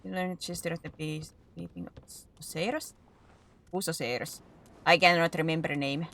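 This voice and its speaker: A woman with a Finnish accent who rolls her R's, chatting in an animated, rambling, self-deprecating way while commentating her gameplay. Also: low-pitched, normal speed, vocal fry, a little hiss or hum. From Finland. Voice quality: rolled R's. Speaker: video game streamer. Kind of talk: casual gameplay commentary to viewers.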